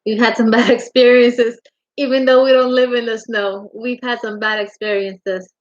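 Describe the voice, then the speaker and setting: A middle-aged woman hosts a casual livestream from her home craft room, her voice sitting a little high. She greets each viewer warmly and calls them honey. The audio is dull and lo-fi, like a home stream. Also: level tone, normal speed. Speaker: livestream host.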